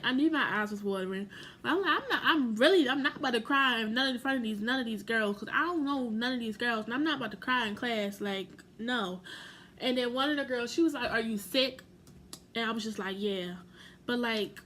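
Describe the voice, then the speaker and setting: A woman's voice: fairly high pitch, bright, forceful tone, a little hiss or hum. A young woman telling a personal story to camera in a chatty, rambling way, full of "like" and self-corrections. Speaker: vlogger.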